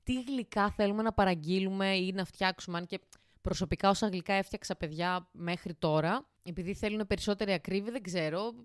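A woman's voice: medium pitch, clear, resonant tone, no echo. Rambling, chatty young woman, dry sound. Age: 20s. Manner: chatty and rambling, swears casually, addresses listeners as "guys". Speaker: podcast host. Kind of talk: casual monologue podcast. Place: home kitchen, cooking while talking.

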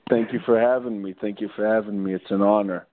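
A man's voice: on the low side, steady tone, quick pace, no room sound. A man in his twenties from Israel, calling in as a guest and talking politely and modestly with small hesitations. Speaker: caller, accountant. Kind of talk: casual phone interview. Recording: dry tinny phone line.

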